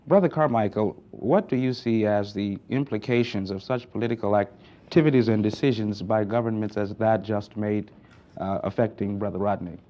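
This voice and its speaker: A man hosting and moderating a TV interview, introducing guests and asking formal, measured questions. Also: lowish voice, warm tone. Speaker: host and moderator. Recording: dull lo-fi 1960s TV audio.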